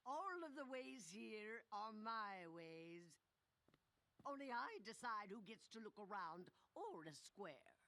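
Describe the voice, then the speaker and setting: Cartoon game villainess: imperious queen, creaky, very slow, commanding, big intonation. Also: medium pitch, sing-song, bright, forceful tone, exaggerated voice. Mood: haughty, commanding. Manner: imperious, drawn-out. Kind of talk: video game voice acting.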